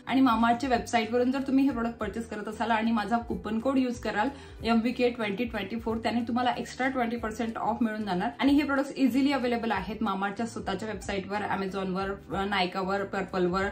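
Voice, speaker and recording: A woman in her thirties with a Marathi accent, chatting casually in her vlog and explaining products step by step. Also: a little high. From Maharashtra, India. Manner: chatty, explains step by step, mixes English words into speech. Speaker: vlogger.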